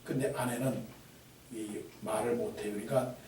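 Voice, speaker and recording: A man's voice: mid-range voice, normal speed. Man preaching in an echoey hall. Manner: lively preaching with sudden shouted cries and hushed asides. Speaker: pastor. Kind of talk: sermon. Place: church sanctuary. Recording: echoey hall from far off, faint noise.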